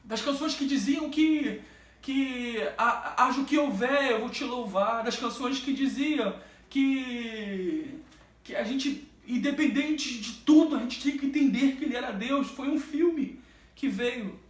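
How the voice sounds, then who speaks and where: A man giving an emotional religious testimony as a gospel singer, fervent and halting, with many restarts and drawn-out repeats. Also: extremely high pitch. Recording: roomy and distant from the mic.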